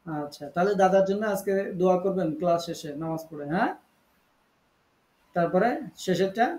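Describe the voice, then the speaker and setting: A man with a fairly high voice leads an online Quran recitation class. He patiently corrects each student and repeats words slowly to model the sounds. The call has a roomy echo. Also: darkish tone.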